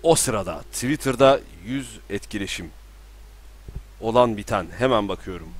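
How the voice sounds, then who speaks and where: A young man giving casual live commentary while playing a game at home, talking to himself and sometimes bursting into panicked yelling. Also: lowish voice, lively intonation, normal speed. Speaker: streamer. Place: room at home with balcony door open.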